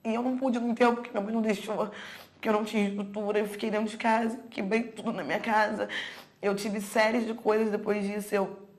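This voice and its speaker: A woman's voice: mid-range voice, flat delivery, fast. A young woman giving a personal testimony in a documentary, retelling events with repeated words and acted-out quotes. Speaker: interviewee.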